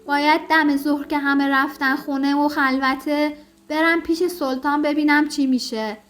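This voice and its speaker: A woman's voice: sits high, steady tone, a bit bright. A woman reading the part of a superstitious, bossy older mother-in-law in an audio story, scolding and lecturing.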